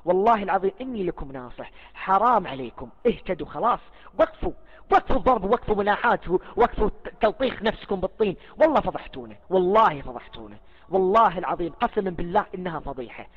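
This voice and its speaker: Man, high voice, fast talker, emphatic repeated oaths, stumbling restarts, lo-fi muffled recording. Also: animated. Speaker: speaker giving a personal religious testimony. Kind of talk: impassioned spoken appeal.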